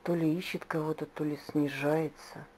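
A woman dictating her visions into a dictaphone in short, halting phrases. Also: sits low, flat delivery, dark tone, poor audio. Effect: dictaphone recording. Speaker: clairvoyant describing visions. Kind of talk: dictated monologue. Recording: dictaphone with faint hiss.

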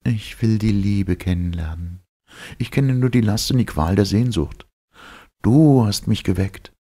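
A man voicing a gentle, fearful young woman born of starlight, speaking softly and tenderly in a husky, gravelly voice raised well above his own. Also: lowish voice, a little slow, pitched above the performer's own voice. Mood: longing. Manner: soft, tender, wondering. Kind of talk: audiobook reading.

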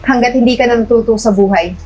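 A stern beggar woman, played by an actress, hands down a curse in slow, grave words. Music plays underneath the scene. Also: on the high side, darkish tone, close to an everyday voice, rough recording. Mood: ominous.

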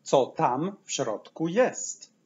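Patient man teaching slowly, lively pitch. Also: dull audio. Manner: says each English phrase slowly twice, explaining patiently. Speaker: English teacher. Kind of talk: language lesson for seniors.

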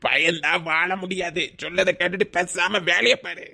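A gravelly, gruff cartoon laborer, voiced by a man, gives blunt advice. His voice sits high and sharp for a man, with a rough edge on every word. He sounds set back from the mic. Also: steady tone, normal speed, heavily acted. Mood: gruff consoling. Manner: blunt, scolding.

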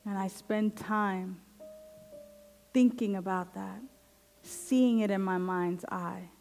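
A woman minister leading a guided affirmative prayer in slow, deliberate, meditative phrases with long pauses. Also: medium pitch, steady tone, vocal fry, darkish tone, soft background music. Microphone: headset microphone.

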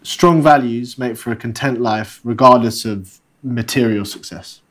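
A man's voice: mid-range voice, unhurried, fairly bright tone. A bantering young London man. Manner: playful, bantering. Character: joking young London man on a video date. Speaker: dating-game character. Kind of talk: scripted video-date acting.

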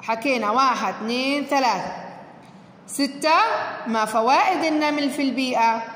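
High-voiced teacher in echoey room. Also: female voice, normal speed, fairly bright tone. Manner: encouraging, step-by-step explaining, calls pupils heroes. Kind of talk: recorded worksheet lesson for fourth grade. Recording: echoey room with long reverb, faint noise.

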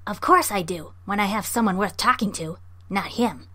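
A woman voicing a rude male blue monkey that snarls insults and shouts in a rage in a storybook reading. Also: mid-range voice, normal speed. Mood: sneering.

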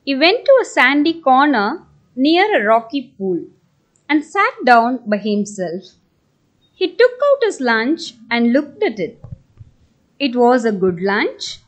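A woman's voice: high voice, sing-song, slow. A woman teacher narrating a children's story for a school puppet show.

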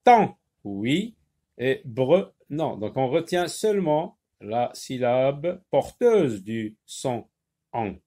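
Recording on a handheld phone, a man teaches young children phonics, speaking slowly and deliberately and repeating each word to stress its sounds. His medium-pitched voice has a dark tone and big pitch swings.

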